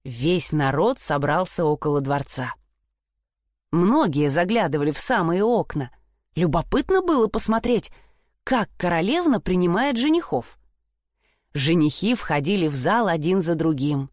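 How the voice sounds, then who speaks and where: A woman tells a fairy tale in a playful storybook manner, her voice swinging widely in pitch. The sound is dry, with no room around it. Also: very animated, measured pace, a little mellow, no echo. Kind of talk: storybook narration.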